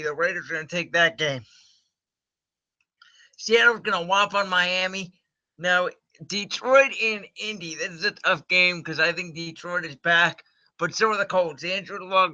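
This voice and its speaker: A man's voice: high-pitched, pushed and bright, highs cut off. A man chatting casually and confidently as he hosts a livestream of sports predictions, recorded on a home computer mic. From Cleveland, United States. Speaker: host.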